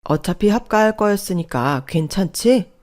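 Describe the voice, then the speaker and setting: A woman's voice: mid-range voice, lively intonation, moderate pace, a little mellow, voice pushed up, lightly acted. A woman voicing a timid husband who stammers and hesitates. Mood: sheepish.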